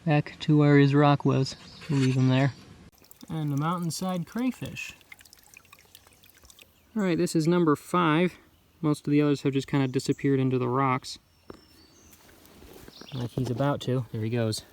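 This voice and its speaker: A man with a mid-pitched voice hosts a wildlife vlog out in the open. He gives casual field commentary in an admiring way, murmuring to himself and to the animals he finds. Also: steady tone, unhurried, long pauses, a little mellow, a little hiss or hum. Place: outdoors on wooded, rocky hillsides.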